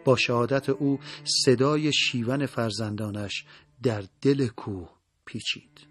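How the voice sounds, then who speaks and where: A man narrating a dramatic story in a solemn, measured way. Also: mid-range voice, a bit bright.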